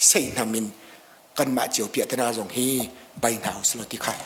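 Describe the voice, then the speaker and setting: A middle-aged man from Chin in Myanmar, preaching a sermon as pastor in an earnest, deliberate way. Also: lowish voice, fairly even intonation, fairly bright tone, a little hiss or hum.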